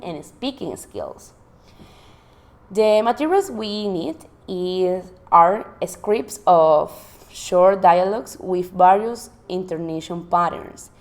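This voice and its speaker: A woman's voice: mid-range voice, darkish tone. A woman teacher presenting classroom activities from her notes, stopping to restart and correct herself. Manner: reads from notes with frequent restarts and self-corrections. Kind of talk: presenting a lesson plan.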